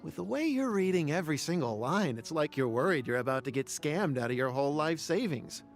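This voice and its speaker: An actor playing a smooth-talking adult male loan shark in a video game, with breezy, persuasive patter. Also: fairly high pitch, very animated, fairly quick, faint music behind. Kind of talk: game voice acting.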